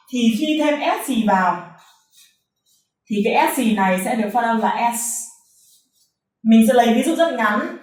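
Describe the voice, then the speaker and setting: A woman teaching English pronunciation, repeating key sounds slowly and checking in with her learners. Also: a little high. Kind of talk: classroom explanation. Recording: echoey room, voice from a distance.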